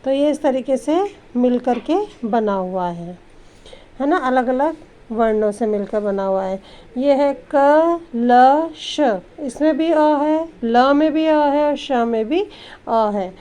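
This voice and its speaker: A woman's voice: sits high, expressive, dark tone. Patient woman teaching small children. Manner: patient, explains step by step and sounds out letters slowly; mixes English words into Hindi. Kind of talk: Hindi grammar lesson for young children.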